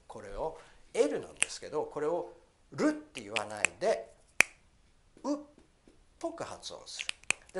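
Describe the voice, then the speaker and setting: Lively pronunciation teacher, a man. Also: fairly high pitch, vocal fry, background noise. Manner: lively, switching between slow, careful English and quick, chatty Japanese. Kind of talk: pronunciation lesson.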